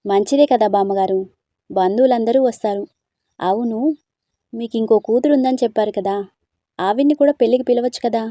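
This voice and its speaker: A woman's voice: on the high side, a little fast, pauses often, warm tone, no echo, close to an everyday voice. Woman reading as an earnest young man. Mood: coaxing. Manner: coaxing and earnest. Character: young man, gentle and teasing suitor.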